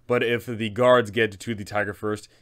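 This is a man in his thirties, a host advising game masters as he walks through a tabletop adventure in an emphatic, step-by-step way. He speaks in a lowish register at a moderate pace, his intonation fairly even and his tone a little bright.

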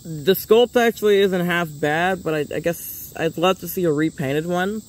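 A man's voice: sits high, normal speed. A man giving a casual, rambling toy review, often stopping and restarting mid-sentence. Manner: plain-spoken, drops a curse casually.

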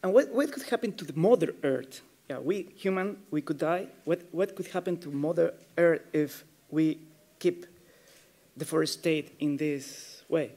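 A man asking questions as interviewer, halting and repeating words as he starts. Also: a little high, darkish tone.

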